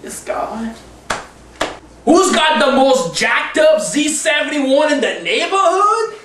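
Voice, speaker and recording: A man's voice: very high-pitched, sing-song, unhurried, pushed and bright. A young man performing comedy jokes in a brash, exaggerated, boisterous call-and-response delivery. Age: young adult. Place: bare indoor room, standing group. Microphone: camera mic a few metres away. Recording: roomy, noisy camera audio from a distance.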